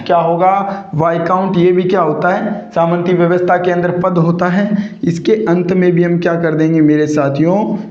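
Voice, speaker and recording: A male grammar teacher with a high, darkish-toned voice asks questions of his students only to answer them himself, repeating each key point as he lectures. The sound is lo-fi and dull, with room echo.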